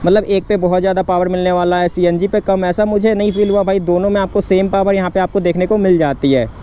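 A man's voice: high voice, fairly even intonation, quick pace, warm tone. A young man with a Bihari Hindi accent reviews a bike as he rides it through city traffic, chatty and upbeat. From India. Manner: chatty, keeps saying "bhai", upbeat. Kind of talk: casual ride review vlog. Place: outdoors on a city road. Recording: road and traffic noise.

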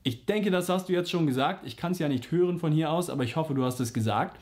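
Male vocal coach, slightly high voice, patient, plain explanations. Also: fast talker, darkish tone. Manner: patient, explains simply, demonstrates sung vowel slides. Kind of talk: singing lesson to camera.

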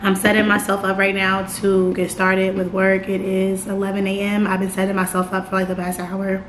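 A young American woman with a hoarse, raspy smoker-like voice, chatting casually to camera in a vlog. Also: mid-range voice, completely flat delivery, moderate pace. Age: young adult. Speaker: vlogger. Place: bright open-plan apartment, indoors. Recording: roomy echo, clear background noise.

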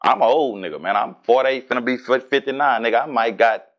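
A man in his forties from Houston with a Southern accent, talking casually and profanely as an interview guest, animated and streetwise. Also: mid-range voice, fast, highs cut off. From Houston, Texas. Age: 40s. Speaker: rapper and guest.

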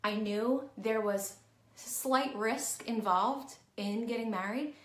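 A woman's voice: fairly high pitch, takes it slowly. Chatty middle-aged woman vlogging, roomy echo. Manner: candid, chatty, heavy use of "like" fillers. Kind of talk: casual vlog talk to camera. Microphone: camera at close range, talking to herself on screen.

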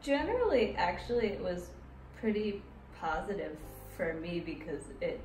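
A Muay Thai fighter from the United States, a woman in her twenties with an American accent, answers casually as an interview guest. Her voice is on the low side, a little mellow and sing-song, at normal speed. She's recorded with a distant mic in a small, hard, tiled indoor room that echoes, with music in the background.

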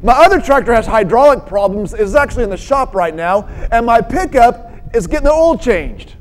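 A woman's voice: on the high side, animated, moderate pace, slight background noise, natural voice. A woman doing a folksy farmer. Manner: folksy, easygoing, shouting commands to a horse. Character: plain-spoken male farmer, calm and helpful.

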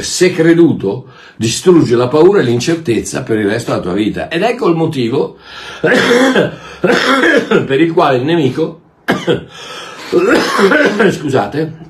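A man delivers a sermon with emphatic force and keeps asking rhetorical questions. His voice sits at a middle pitch and jumps between loud bursts and soft, muttered asides. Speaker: preacher.

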